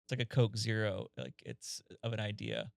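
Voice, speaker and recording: A man co-hosting a comedy podcast, talking in a rambling, halting way full of fillers and restarts. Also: fairly low pitch, big pitch swings, vocal fry, no room sound. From Detroit area. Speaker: podcast co-host. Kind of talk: casual chat.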